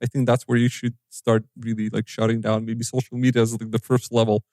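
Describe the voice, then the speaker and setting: A man's voice: mid-range voice, little pitch movement, fairly quick, dark tone, no room sound. Earnest advising man on a podcast. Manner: earnest and advising, with some restarts. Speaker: podcast co-host. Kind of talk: casual podcast chat.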